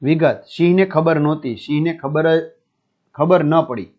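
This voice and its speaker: A man's voice: fairly high pitch, a little slow, a little mellow. Man teaching a school lesson. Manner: explains answers step by step to students. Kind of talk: reading a school lesson aloud. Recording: dull lo-fi recording.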